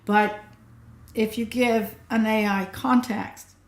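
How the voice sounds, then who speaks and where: Speaking slowly in a higher register, a woman from the Netherlands joins a livestream over a video call as a guest, and the room sounds echoey. She's an accessibility coach who chats with lots of energy and calls herself a nonstop talker.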